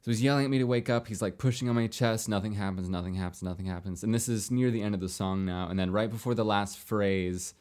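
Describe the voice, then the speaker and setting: Low-voiced young man rambling through a story. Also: fast talker, few pauses. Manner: rambling, many fillers and restarts; animated when quoting others. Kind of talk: casual storytelling chat.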